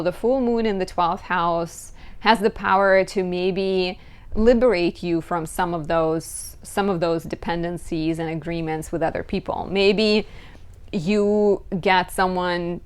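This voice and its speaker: Chatty woman astrologer, slightly low voice. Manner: chatty, lively, frequent "like". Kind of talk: casual horoscope talk.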